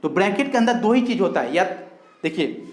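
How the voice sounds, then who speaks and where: A man's voice: high-pitched, very animated, darkish tone, reverberant. A male chemistry teacher giving a lecture, repeating each key term as a question and answering it, and calling his students fondly. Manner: repeats key terms as call-and-response questions; addresses students fondly, drawn-out emphasis. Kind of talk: recorded classroom lecture.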